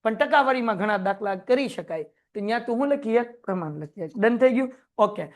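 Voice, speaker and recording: A man teaching a class, lively and joking as he quizzes his students. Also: high-pitched, brisk. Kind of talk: classroom lecture.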